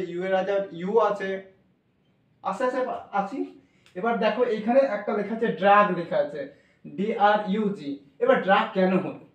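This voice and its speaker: A man with a Bengali accent gives a spelling and pronunciation lesson, talking through each step with little fillers. His voice sits high. It reaches the mic from across an echoey classroom. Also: far from the mic. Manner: explains step by step, spells words letter by letter with fillers. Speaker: English teacher.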